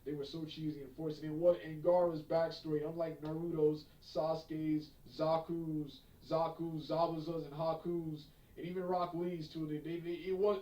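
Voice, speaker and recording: Halting male reviewer, roomy distant sound. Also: fairly high pitch, mellow. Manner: halting, many fillers and restarts, repeats phrases. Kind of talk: unscripted spoken review. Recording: echoey room, voice far from mic.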